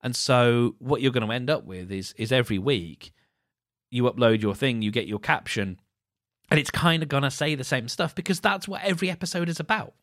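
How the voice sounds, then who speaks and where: A man talks through his thoughts in a wry, teasing way, stumbling and repeating words as he goes. His voice sits at an ordinary middle pitch. The sound is close and dry, with no room around it. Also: lively intonation, brisk, a bit bright, no echo. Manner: wry, mocking, lots of restarts and repeats. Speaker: podcast host. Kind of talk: casual solo commentary.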